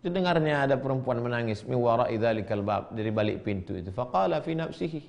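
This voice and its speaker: Male preacher with a gravelly voice reading arabic lines then translating them, repeats stuff a lot, jumps his pitch around to play the people in the story. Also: animated, fast, a little mellow. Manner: shifts pitch sharply to act out quoted speakers; repeats and rephrases each line for the audience. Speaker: preacher teaching a classical text. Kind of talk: reading Arabic text aloud and translating it line by line.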